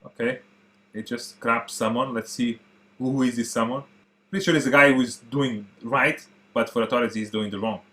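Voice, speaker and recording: Excitable Portuguese man reacting to films. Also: medium pitch, brisk, over music. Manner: chatty, excitable, addresses viewers as guys. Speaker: movie reaction host. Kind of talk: casual reaction commentary.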